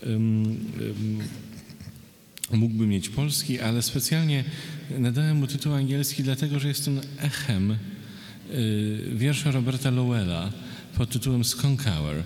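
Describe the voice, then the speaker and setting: A man giving a poetry reading, slow and deliberate, with hesitant fillers between his remarks. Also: mid-range voice, darkish tone. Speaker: poet reading his poems. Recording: roomy hall with long reverb.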